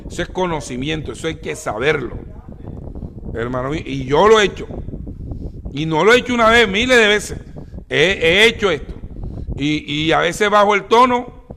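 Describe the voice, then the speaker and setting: A man's voice: high-pitched, creaky, in a large hall, a little hiss or hum. A man preaching a sermon emphatically, often addressing listeners as brother. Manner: emphatic, rising to near shouts; addresses listeners as "hermano mío".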